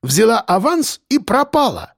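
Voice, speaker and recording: A man voicing a hot-tempered middle-aged male cafe owner, loud and pleading. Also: high-pitched, wildly swooping pitch, a little slow, gravelly, dry recording, clean studio sound, voice pushed up, exaggerated voice. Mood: animated storytelling.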